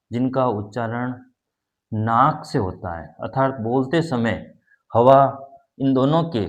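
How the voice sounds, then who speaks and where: A man gives a classroom-style grammar lesson in a mid-range voice. He explains step by step and repeats his key points. He pauses to sound out example words. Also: medium pitch. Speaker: teacher.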